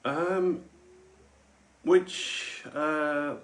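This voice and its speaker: A man's voice: fairly high pitch, fairly even intonation, drawn-out words, reverberant. An English man hosting a casual interview, joking with his guest and nodding along with frequent mms. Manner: jokey, with frequent mm and yeah. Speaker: interviewer, host.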